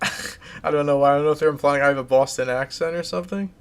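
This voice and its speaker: A man chats casually on a live stream, reading viewer comments aloud while rambling and restarting sentences. His voice is fairly high, fast, clear and resonant.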